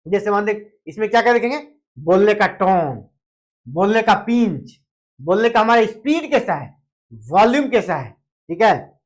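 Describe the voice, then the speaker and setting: A woman gives an exam coaching lecture at a middling pitch. She explains each point step by step, keeps checking in with the listener, and briefly acts out example phrases in different tones. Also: lively intonation, unhurried. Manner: explains with repeated fillers and acted-out example phrases. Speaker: teacher.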